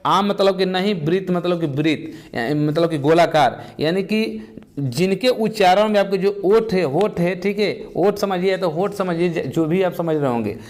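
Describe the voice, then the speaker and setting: A man's voice: sits high, moderate pace, darkish tone. A man teaching an exam-prep lesson, who asks the class questions and answers them himself, repeating the key terms step by step.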